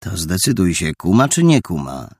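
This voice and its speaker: Guy reading a quiet teen boy, mutters short answers, low gravelly voice. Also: sing-song, moderate pace, no echo, studio quality, full character voice. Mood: curt. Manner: muttering, curt, low-key. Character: quiet reserved teenage boy, annoyed. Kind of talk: audiobook reading.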